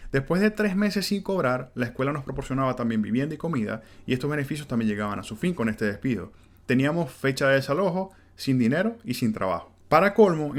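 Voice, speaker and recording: A man in his thirties from Venezuela with a Venezuelan Spanish accent, hosting a solo podcast in an earnest, conversational way. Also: medium pitch. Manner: earnest, conversational, with fillers like "este" and "pues". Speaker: podcast host. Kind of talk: reflective solo podcast monologue.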